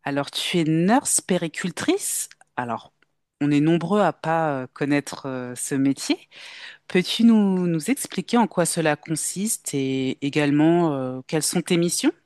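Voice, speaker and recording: A woman's voice: low-pitched, unhurried, a little mellow, smooth, dry recording, clean studio sound. A woman hosting a podcast, welcoming her guest formally and asking questions in turn. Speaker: podcast host. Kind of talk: interview hosting.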